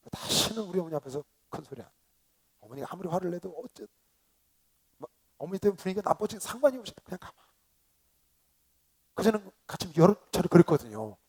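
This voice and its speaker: A male pastor preaching a sermon, emphatic, with calls and responses to his congregation, swinging between loud exclamations and quiet asides. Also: high-pitched, husky. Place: convention hall seminar.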